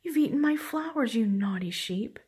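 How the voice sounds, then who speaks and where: A grandmother voicing an angry woman farmer, reading her lines high-pitched and loud. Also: expressive, moderate pace, vocal fry, husky, exaggerated voice. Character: furious woman farmer, fussy and proud.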